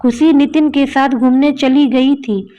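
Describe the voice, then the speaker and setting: A woman narrating a scripted family story in a gentle, measured way. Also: high-pitched, steady tone, muffled recording.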